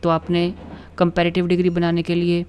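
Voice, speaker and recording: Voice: medium pitch, completely flat delivery, normal speed, darkish tone, slight background noise. A teacher gives a patient, explanatory grammar lesson. The teacher steps through word lists one by one and checks in often with the class.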